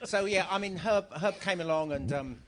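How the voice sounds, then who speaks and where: Older male guest, dry wit, clipped replies, slightly high voice. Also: normal speed, a crowd in the background. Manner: dry, short wry answers. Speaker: guest musician.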